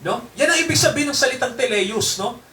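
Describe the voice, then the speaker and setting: A man's voice: extremely high pitch, lively intonation, a little fast, sharp tone, roomy sound, far from the mic. A man preaching a sermon to his congregation in a mix of Tagalog and English, constantly checking in with tag questions. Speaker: pastor. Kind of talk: Taglish sermon.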